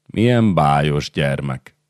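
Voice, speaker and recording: A man's voice: very deep voice, lively intonation, a little mellow, no echo, studio quality. A man voicing an aloof sultan who talks in an offhand, dismissive way. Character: cold, aloof middle-aged sultan.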